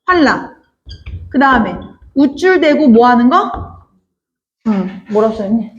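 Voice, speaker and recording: A woman's voice: a little high, big pitch swings, measured pace, muffled recording. A woman teaching a classroom literature lecture, often calling out to her students and asking whether they understood. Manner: addresses students often, asks many check questions.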